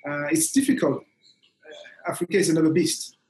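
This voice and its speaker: A man from Togo, speaking conversationally as an interview guest, with halting, restarted phrasing. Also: on the high side, expressive, a little mellow, poor audio.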